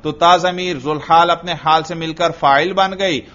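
A man's voice: on the high side, fairly even intonation, moderate pace, fairly bright tone. A man teaching a grammar lesson, drilling his class with questions and answering them himself. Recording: dull lo-fi recording.

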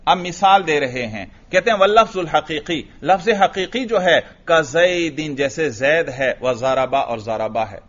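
A man teaching a class on grammar, reading Arabic text slowly and then explaining it. He keeps asking questions and answering them himself, in a voice a little high for a man. The recording is dull and lo-fi. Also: a bit bright.

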